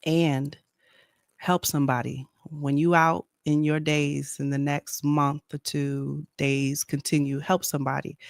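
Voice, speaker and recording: A man speaking earnestly in a casual faith discussion on a video call, slowing down to stress his points. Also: a little high, gravelly, dry recording, studio quality. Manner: earnest, slow and deliberate when stressing a point. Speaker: panelist on a faith talk stream.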